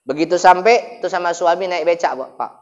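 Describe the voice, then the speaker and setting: Animated preacher. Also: male voice, sits high, moderate pace, muffled recording. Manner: lively, animated, often addresses listeners as "Pak". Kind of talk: humorous storytelling sermon. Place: mosque gathering after dawn prayer.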